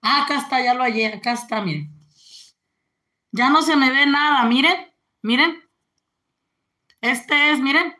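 A woman's voice: high-pitched, a little slow, pauses often, sharp tone. A woman, chatting casually on a live stream and greeting viewers. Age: 40s.

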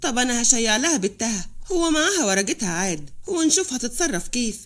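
A woman doing a gruff Upper Egyptian father. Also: a little high, sing-song, fast. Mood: stern. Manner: gruff, commanding. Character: stern Upper Egyptian father, middle-aged head of family.

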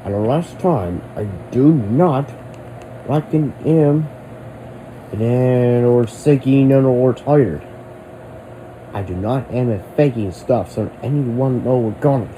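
A man in an angry, heated rant, yelling and swearing. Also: mid-range voice, slight background noise, poor audio.

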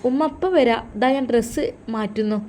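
A woman's voice: warm tone, slight background noise, lightly acted. A woman doing an eager, caring young daughter. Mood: worried, caring. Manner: higher, eager, quick.

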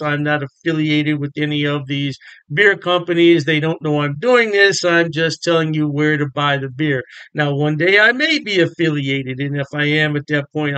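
A man's voice: fairly high pitch, bright, forceful tone, smooth, dry recording, poor audio. An older man chatting in a folksy way from his home, reviewing beer and repeating lines for emphasis. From Ohio. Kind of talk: casual beer review vlog. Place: home room with framed beer signs on the walls.

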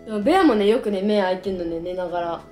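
A young woman in her twenties, a vlogger chatting casually to camera, slangy and lively with playful exaggeration. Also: medium pitch, rapid-fire. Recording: echoey room with faint music. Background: faint background music.

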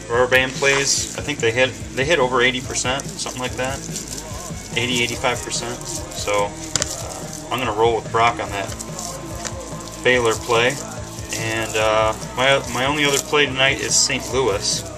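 Cooking in his home kitchen, a man in his thirties talks casually to a webcam, rambling with lots of ums and swearing freely. His voice is medium-pitched, and the recording from the webcam mic is rough.

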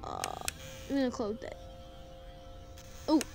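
A woman giving casual live game commentary as a jumpy, excitable, scared horror game streamer. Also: on the high side, slow, creaky, heavy background noise. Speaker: gaming video creator. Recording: loud game audio behind voice.

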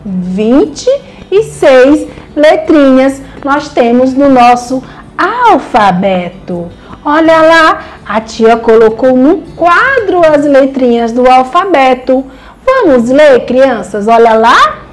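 A woman teacher giving a lesson to small children in a slow, sing-song way. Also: high voice, sing-song.

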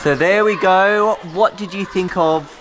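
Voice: mid-range voice, unhurried. A family vlogger filming on a handheld camera, narrating casually and asking questions from behind it. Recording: loud background noise, outdoors and car.

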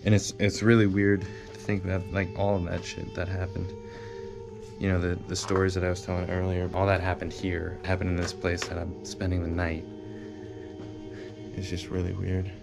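Male exploration vlogger, twenties, deep and understated, casual musing delivery with little pitch movement. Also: completely flat delivery, moderate pace, creaky. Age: 20s. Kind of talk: casual vlog narration to camera. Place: abandoned derelict building and its grounds. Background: music.

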